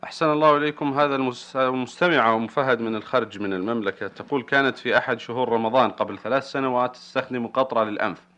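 A male radio host speaks formal Standard Arabic at a very quick pace. His voice is bright and forceful as he reads listeners' letters, on a slightly dull broadcast recording. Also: mid-range voice, steady tone.

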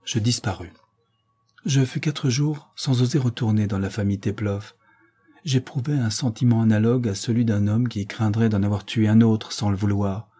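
A man reading a classic novella aloud as first-person narration, measured and sombre. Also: fairly low pitch, fairly even intonation, mellow, breathy edge. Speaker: audiobook reader.

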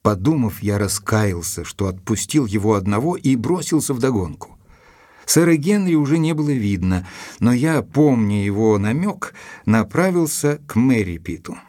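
An actor playing Dr Watson, an earnest, dutiful gentleman narrating his report in a measured, literary manner for an audio drama. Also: medium pitch, lively intonation, no room sound, clean studio sound, natural voice. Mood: measured, reflective. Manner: measured, deliberate, literary phrasing.

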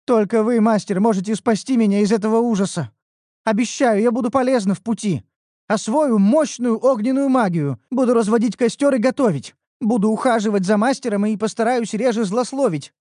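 A complaining young red elf girl, as an audiobook narrator puts her on, pleading and protesting with big swings of pitch. The reading is dry and close with no room sound. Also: lively intonation, moderate pace, a little mellow, no echo, close to an everyday voice. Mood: whining. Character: whiny young female red elf apprentice. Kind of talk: audiobook character voice.

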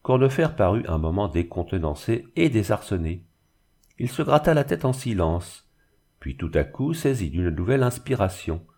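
A man giving a measured, steady scripted narration of a classic novel. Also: fairly low pitch. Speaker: audiobook narrator.

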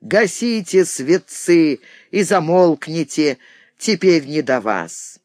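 A woman reading an audiobook, voicing a gruff, domineering old father who speaks in rough, curt commands. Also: low-pitched, very animated, slow pace, darkish tone, no room sound, clean studio sound, full character voice. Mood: gruff scolding.

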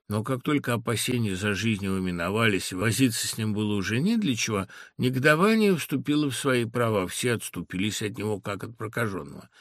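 Male narrator, lively and bright, dry close recording. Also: dry recording. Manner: acts out crowd voices with loud raised pitch. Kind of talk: literary audiobook reading.

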